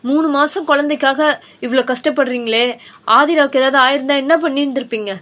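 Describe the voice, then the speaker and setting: A woman's voice: high voice, steady tone, fast, fairly bright tone. A woman voicing a firm, professional female doctor in a cartoon, speaking in an instructive way. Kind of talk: cartoon dubbing.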